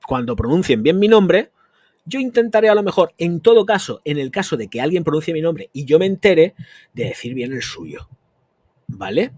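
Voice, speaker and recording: A man's voice: fairly high pitch, big pitch swings, moderate pace, a little mellow, dry recording. A man, a perfume channel host answering chat comments on a live stream in a blunt, crude, emphatic rant.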